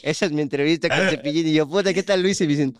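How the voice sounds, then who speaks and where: A man's voice: fairly high pitch, rapid-fire. A young man with a Mexican accent, co-hosting a casual podcast, who tells stories animatedly and acts out the lines of the people in them. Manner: animated storytelling, acts out quotes. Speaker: podcast co-host. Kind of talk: casual chat.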